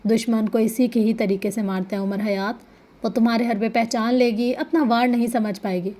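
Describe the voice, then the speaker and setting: A woman's voice: on the high side, fairly even intonation, warm tone, natural voice. A woman voicing a sly, scheming older woman giving confident advice, in a storybook reading.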